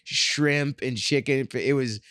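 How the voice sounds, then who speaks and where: A man's voice: mid-range voice, slow, fairly bright tone, no echo. A man co-hosting a podcast in easygoing casual chat, calling his friend bro and dude. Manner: laid-back, says "bro" and "dude" a lot. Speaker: podcast co-host.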